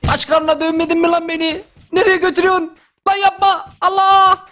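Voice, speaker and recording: A young man doing a comic dub over gameplay, excitable and yelling in slang. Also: very high voice, fairly quick, background noise. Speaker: gaming YouTuber.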